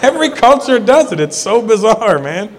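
A man doing a stand-up comedy set, animated and acting out characters in quick voices. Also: sits high, long reverb tail. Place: comedy club stage before a live audience.

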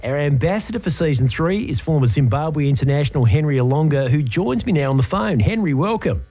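A man's voice: on the high side, lively intonation, brisk, mellow. A man with an Australian accent hosting a community radio interview, reading intros in an upbeat presenter manner. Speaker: radio host.

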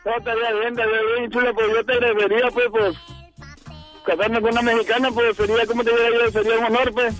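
A man's voice: very high-pitched, flat delivery, fast talker, fairly bright tone, faint music behind, low-quality recording. A Guatemalan man in his thirties calling in to a radio show, talking shyly and hesitantly with many fillers. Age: 30s. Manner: shy, hesitant, full of fillers. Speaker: radio caller.

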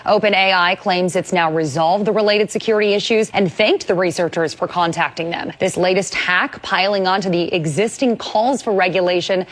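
A woman reporting a tech story as a radio news correspondent in a steady, measured voice. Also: lowish voice.

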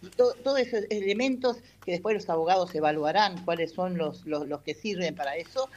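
A woman's voice: on the low side, fairly quick, a little mellow, highs cut off, a little hiss or hum. A woman explaining a legal matter in an interview, hesitating often with fillers. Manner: explanatory, many hesitations with "este". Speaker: patronato representative. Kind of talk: radio-style interview answers.

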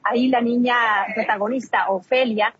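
A woman's voice: a little high, fairly even intonation, normal speed, breathy edge, no echo, highs cut off. A woman correspondent giving a live news report over a remote call line that sounds like a laptop speaker, chatty and full of fillers. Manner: chatty, many fillers and restarts.

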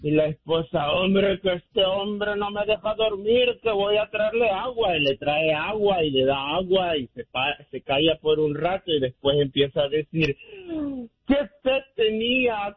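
High-voiced man telling a joke over a tinny phone. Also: lively intonation, unhurried, slightly rough, no echo. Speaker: radio caller telling a joke. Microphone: telephone. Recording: tinny phone line, dry.

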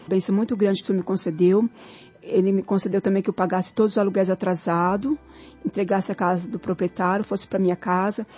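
A woman's voice: mid-range voice, level tone, quick pace, warm tone, breathy edge. A woman giving an earnest, grateful church testimony, repeating her thanks, in a dull lo-fi recording with faint music.

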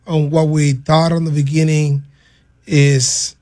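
A middle-aged man from Venezuela, answering interview questions haltingly and earnestly as a player's father. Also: a little high, level tone, warm tone. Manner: halting, repeats words, earnest.

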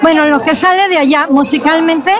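A middle-aged Mexican woman speaks to a reporter in a high voice, talking eagerly and at length. A busy street crowd hums behind her. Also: a little fast. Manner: enthusiastic, talks at length. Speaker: interviewed fan.

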